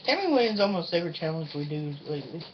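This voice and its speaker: A woman's voice: low voice, sing-song, fast talker. Folksy woman vlogger, dull lo-fi sound. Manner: informal, folksy, self-deprecating. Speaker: host of a challenge video. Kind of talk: casual vlog chat with a partner. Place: indoors at home, room with a refrigerator. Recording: dull lo-fi sound with faint noise.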